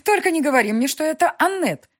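A woman voicing a domineering aristocratic countess who scolds her grown son, in a husky, high-strung, overbearing voice, as in a period audiobook. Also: very animated, brisk. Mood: indignant. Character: imperious aristocratic middle-aged countess mother.

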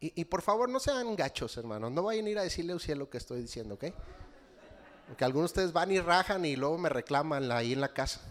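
Mexican pastor, middle-aged man, lively sermon delivery, talks straight to his congregation, voice sits a bit high. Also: quick pace. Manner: animated, constantly addressing the congregation as brothers.

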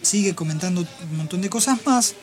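A woman hosting a radio program, retelling Bible passages in an explanatory, storytelling way with pauses and restarts. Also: on the low side, expressive, a little mellow, faint music behind. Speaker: radio host. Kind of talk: radio talk on Bible stories.

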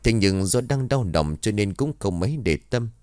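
A male storyteller reading a scripted horror story. His voice is low and even, recorded close and dry with no room sound. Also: normal speed, clear, resonant tone, dry recording.

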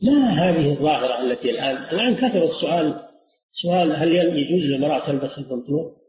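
A man, a religious scholar, answering questions in a lecture, measured and repeating key phrases for emphasis. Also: a little high, expressive. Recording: roomy lo-fi lecture recording.

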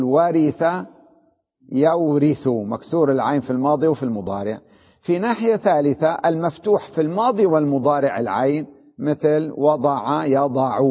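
A man's voice: medium pitch, breathy edge. Man teaching grammar in an echoey hall. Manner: explains step by step, repeating examples and asking the class questions. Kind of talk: grammar lesson. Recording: dull, echoey hall recording.

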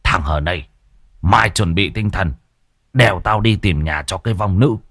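A man voicing a stern old village elder who gives slow, grave warnings. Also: deep voice, a bit bright, dry recording, studio quality. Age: older.

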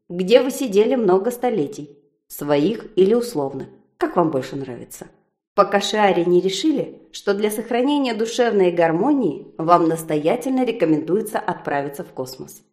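A woman reading an audiobook and voicing a male spaceship's AI, loud, clear and deliberate. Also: fairly low pitch, close to an everyday voice. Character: spaceship's AI, male, dry and precise. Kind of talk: audiobook character voice.

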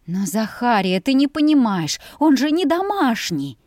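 A woman's voice: fairly high pitch, very animated, measured pace, a little mellow, no room sound, studio quality, pitched above the performer's own voice. A woman doing a fretful chattering peasant wife. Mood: protesting. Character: fussy anxious peasant wife and mother.

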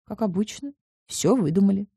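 A woman reading the part of a calm, erudite young man, explaining family history in a measured, lightly ironic way in an audiobook. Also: mid-range voice, gravelly, slightly rough, no room sound, clean studio sound, exaggerated voice. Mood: wry, explaining.

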